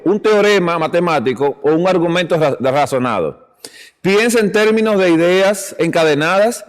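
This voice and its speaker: A man preaching at a church health seminar, telling stories with acted quotes and chuckling often. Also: high-pitched. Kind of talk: sermon-style seminar talk. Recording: long hall reverb.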